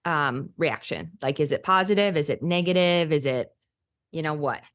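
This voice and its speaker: A woman's voice: low-pitched, normal speed, a bit bright, no room sound, studio quality. A woman co-hosting a podcast as a counselor, chatting upbeat and rambling with many fillers and restarts. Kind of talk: casual podcast chat.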